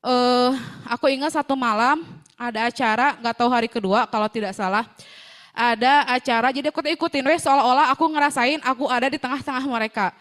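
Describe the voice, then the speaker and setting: A young woman with a lilt tells her story in a loose, chatty testimonial. Her voice sits high, and she keeps dropping devout phrases into the telling. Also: fairly quick, fairly bright tone. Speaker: seller sharing a success story. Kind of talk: personal testimonial.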